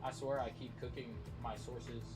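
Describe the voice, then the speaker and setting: A man whose first language is Somali chats casually and upbeat with his live-stream audience while gaming, talking straight to chat. His medium-pitched voice has little pitch movement and a normal speed, with loud music playing behind him.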